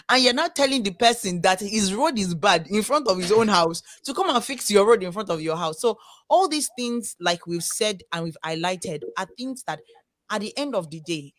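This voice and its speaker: A woman's voice: medium pitch, no room sound. Earnest Nigerian woman, dry close sound. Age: young adult. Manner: earnest, animated, emphatic, repeats words. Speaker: discussion host. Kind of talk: casual roundtable discussion.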